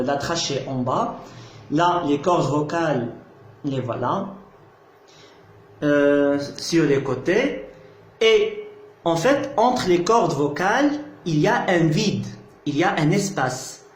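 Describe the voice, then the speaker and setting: A man giving a patient lecture, repeating key terms and checking that students follow. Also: a little high. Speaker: teacher. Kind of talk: slow explanatory lecture. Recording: echoey room.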